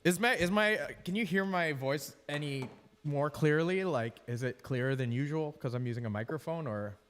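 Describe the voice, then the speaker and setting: A man's voice: on the high side, normal speed, slight background noise. A man hosting a casual call-in interview, talking in a laid-back, joking way into a room mic. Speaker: host. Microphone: room mic with reverb. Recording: long reverb from a room mic.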